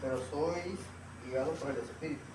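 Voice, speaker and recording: A man in a congregation reading a scripture passage aloud at a steady pace, leaning on some words. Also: a little high, moderate pace. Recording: echoey room, far from the mic, clear noise.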